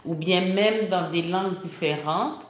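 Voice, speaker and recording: A woman's voice: on the low side, measured pace, roomy sound. A woman insistently explaining word meanings in a casual debate over translation.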